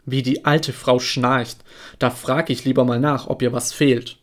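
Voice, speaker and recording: A man voicing a thoughtful village hunter in a fairy tale, musing slowly to himself. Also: mid-range voice, little pitch movement, natural voice.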